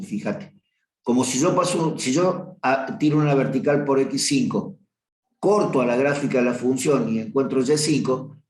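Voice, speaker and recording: A man teaches a math review class in a plain middle register. He talks his way through a graph and keeps stopping to correct himself. His voice rings in a roomy, echoey space. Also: mid-range voice. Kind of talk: review class lecture on limits. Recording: roomy echo.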